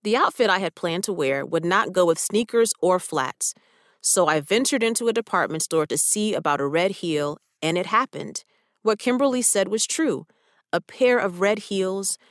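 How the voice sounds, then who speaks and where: A woman's voice: mid-range voice, normal speed, dry recording, studio quality. Woman reading a wry personal memoir. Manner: reflective, wry storytelling.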